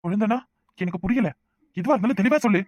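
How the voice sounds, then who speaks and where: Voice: mid-range voice, fast, a little mellow, dry recording, studio quality, natural voice. A voice actor playing a worried young husband in a village cartoon, who speaks in an anxious, pleading way. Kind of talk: Tamil village cartoon voice acting.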